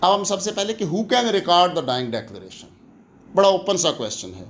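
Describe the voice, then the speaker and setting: Very animated yet a little slow, a high-pitched Pakistani-accented man lectures on law for exam preparation, with slight background noise. He explains didactically in a mix of Urdu and English, posing questions and then answering them.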